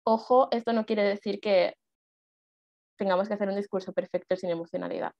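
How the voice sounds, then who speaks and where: A woman leads a public-speaking workshop in a relaxed, conversational way. She fills her explanations with small pauses and rhetorical questions. The sound is dry and a bit dull. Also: mid-range voice, dry recording. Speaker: speech workshop instructor and speech judge.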